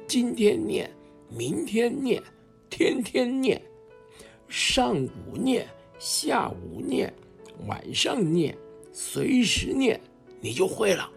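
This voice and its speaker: Burly middle-aged teacher, jovial and hearty, lively storybook voice; acted by a woman narrator. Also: on the high side, creaky, soft background music, voice pushed up, heavily acted. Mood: encouraging. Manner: jovial, drawn-out encouraging lines with chuckles.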